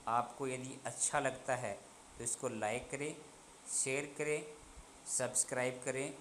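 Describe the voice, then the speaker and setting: A male teacher speaks slowly and deliberately, asking a question and then giving the answer himself. His voice is bright and forceful. A faint hiss sits under the recording. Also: medium pitch, fairly even intonation. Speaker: Sanskrit teacher. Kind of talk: online class lesson.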